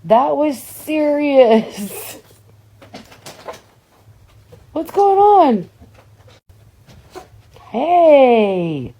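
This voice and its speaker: A woman's voice: sits high, sing-song, extremely slow, gravelly, long pauses, mellow. A woman making short, casual exclamations.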